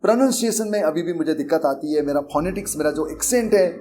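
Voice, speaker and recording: His voice is warm and fairly high, with lively intonation and a fast delivery, plus a bit of hiss or hum in the audio. A middle-aged English teacher and coaching institute founder with an Indian accent, he lectures in Hindi on learning English, earnest and conversational, mixing in English terms and repeating himself frequently.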